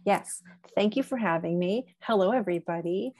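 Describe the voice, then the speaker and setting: Woman guest on a podcast, mid-pitched voice, dry close sound, chatty and giggly. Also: normal speed, darkish tone, dry recording. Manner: chatty, giggly, many ums and likes. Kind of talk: casual conversational interview.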